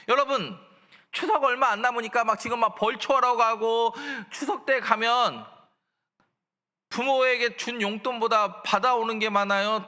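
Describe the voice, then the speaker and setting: A man's voice: very high-pitched, sharp tone. A male pastor in his forties preaching a sermon in a church and asking the congregation questions. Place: church sanctuary. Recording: church hall reverb.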